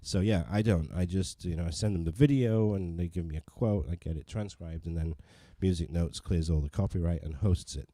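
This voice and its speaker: Chatting with viewers from his living room, where a digital piano sits, this livestream host and pianist rambles in a self-deprecating way and keeps restarting. He sits low in pitch and talks briskly with few pauses, his mellow voice coming through in studio quality with no room sound.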